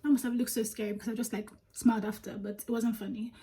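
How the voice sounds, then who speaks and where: A young woman with a Nigerian accent talks straight to the camera as she does her makeup, candid and animated, laughing easily. Her voice sits a little high. She tells it like it is, in a chatty get-ready-with-me style. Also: quick pace. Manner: candid, animated, laughs often, drops into whispers. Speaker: beauty vlogger.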